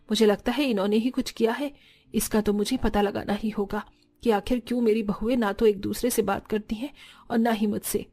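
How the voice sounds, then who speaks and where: A woman's voice: medium pitch, fairly even intonation, brisk, warm tone, lightly acted. A woman voicing a middle-aged mother-in-law in a dubbed cartoon, talking in a plain, earnest, conversational way. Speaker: voice actor.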